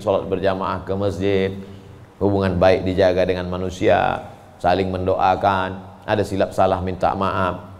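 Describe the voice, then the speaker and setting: With a low, gravelly voice, a man preaches a sermon built around stories. He tells them in an animated way, acting out the voices of the people in them.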